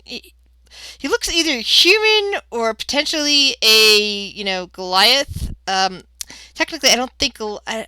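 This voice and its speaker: A woman's voice: mid-range voice, bright, forceful tone, smooth, dry recording. A woman narrating a tabletop game as game master, rambling with fillers and restarts.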